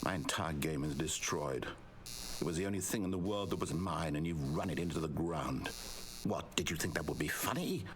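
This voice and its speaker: A man's voice: moderate pace, slight background noise. An actor playing a controlling male video game narrator, proud of his story, with precise, theatrical delivery. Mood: bitter. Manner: precise, theatrical delivery with wild swings in pitch. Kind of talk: scripted video game voice acting.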